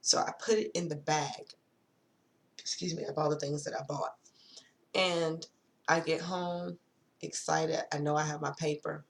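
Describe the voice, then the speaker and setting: A woman vlogging to her viewers in a chatty, casual way, swearing freely and calling them y'all. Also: low-pitched. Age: adult with a daughter. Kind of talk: casual chat to camera.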